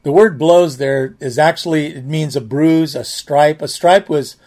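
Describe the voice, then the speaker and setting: A man's voice: a little high, a little slow, a little mellow. A man in his late sixties, a pastor teaching a Bible passage in a loose, conversational way, often repeating himself and restarting his phrases. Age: 60s.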